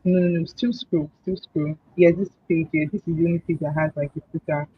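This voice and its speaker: A woman's voice: sits low, fairly even intonation, brisk. A woman on a work video call, explaining her web design in a hesitant way with many "like" fillers; her voice sounds muffled, as if heard through a wall. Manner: hesitant, heavy use of "like" fillers. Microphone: headphone mic on a video call. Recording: muffled lo-fi headset mic with faint noise.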